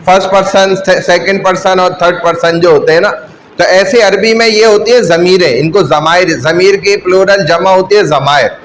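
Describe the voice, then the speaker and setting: A man's voice: high-pitched, moderate pace, fairly bright tone, slight background noise, low-quality recording. A man teaching an Arabic grammar lesson in a classroom, drilling pronouns and coaxing his students to repeat.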